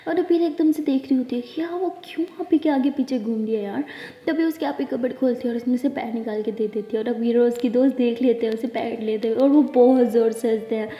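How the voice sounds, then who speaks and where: A woman with a high voice tells a story casually and chattily, as if to a friend. The recording is dull and lo-fi, with a long echo from a bare room. She links each spoken line with a quick "she says.". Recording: echoey room, dull lo-fi sound.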